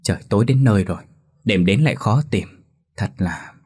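A man's voice: on the low side, a little fast, a little mellow, slightly rough. A man voicing an anxious village mother who frets and scolds, in a spoken ghost story. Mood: worried. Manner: scolding, fretful. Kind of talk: horror story reading.

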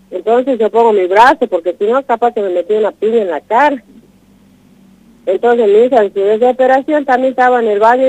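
A woman's voice: a little high, mellow, no room sound. A woman urgently retelling a distressing personal story as a radio guest, repeating herself as she goes. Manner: urgent, repetitive, retelling in a rush. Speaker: guest telling her story. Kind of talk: emotional first-person account. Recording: dull lo-fi radio broadcast.

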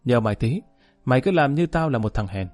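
A man's voice: mid-range voice, lively intonation, fairly quick, a little mellow, soft background music, lightly acted. A man reading a proud gang boss. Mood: defiant. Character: proud, stubborn male gang boss, addicted.

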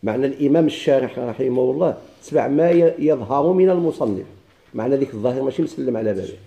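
Very dark-voiced Moroccan male teacher. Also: medium pitch, lively intonation, vocal fry. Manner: asks questions and answers them himself, reads quoted text slowly. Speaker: teacher of Arabic grammar. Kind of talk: classroom lecture.

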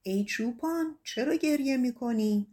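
A woman reading an audiobook voices a compassionate male lion, who asks gently and plainly. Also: on the high side, close to an everyday voice. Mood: kindly.

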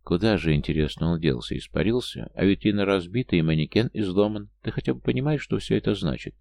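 A man's voice: low voice, lively intonation, fast, creaky, darkish tone, no echo. A man reading a bitter, accusing ex-cop. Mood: suspicious. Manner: harsh, accusing, agitated. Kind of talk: audiobook character voice.

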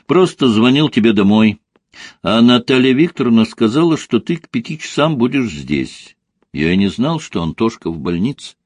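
A man's voice: mid-range voice, big pitch swings, moderate pace, a little mellow, husky, no echo, voice pushed up. A man voicing a playful, somewhat awkward young man in a read story, talking in a teasing, offhand way.

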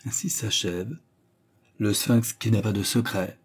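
A man narrating a literary short story as an audiobook reader, in a measured storytelling delivery. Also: fairly low pitch, steady tone.

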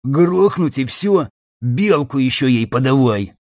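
A man's voice: medium pitch, expressive, measured pace, darkish tone, no echo, clean studio sound. A man reading an audiobook, voicing a dim, angry male thug who snarls his lines.

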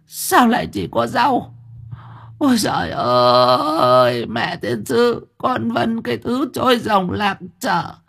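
A man voicing a crazed, ravenous old grandmother who screeches curses in a raspy, cracking voice. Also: high voice, animated, a bit bright, pitched above the performer's own voice, exaggerated voice. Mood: screaming rage. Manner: screeching curses, drawn-out wails.

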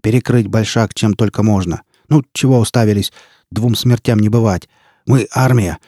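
A man playing a worn, desperate soldier officer, gruff and shouting orders in a storybook reading. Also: fairly low pitch, moderate pace, dry recording, studio quality, natural voice. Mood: gruff urgency.

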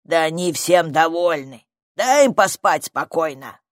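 A woman's voice: deep voice, expressive, dry recording, clean studio sound. A woman voicing a grumpy, squat male troll-like creature who grumbles and drags out his words in a storybook reading. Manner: grumbling, slow and drawn-out.

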